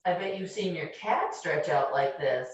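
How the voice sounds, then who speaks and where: A woman leading a children's yoga class, giving gentle, encouraging step-by-step instructions. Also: sits low, lively intonation, measured pace. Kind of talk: guiding a kids' yoga class. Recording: distant, very echoey, dull-sounding room recording.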